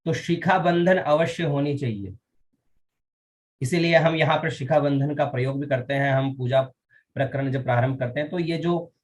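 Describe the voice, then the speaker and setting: A man teaching a Vedic ritual class, explaining rites and chanting mantras slowly, syllable by syllable, and often asking his students if they follow. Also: fairly high pitch. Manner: often checks with students, asking "all right?".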